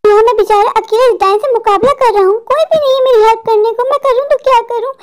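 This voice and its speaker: Whiny scared husband for a cartoon, voiced by a woman, pitched very high, panicky. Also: fairly even intonation, fast, slight background noise. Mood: frightened. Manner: fretful, complaining, panicky. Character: frightened, whiny adult husband, mall owner. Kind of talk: cartoon voice acting.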